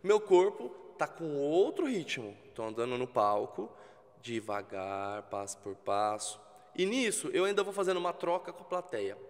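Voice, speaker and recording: A man with a Brazilian Portuguese accent, a TV presenter guesting on a podcast, explaining in a calm, coaching way. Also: a little high, normal speed, long reverb tail. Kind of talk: casual interview talk. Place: podcast studio with spotlights.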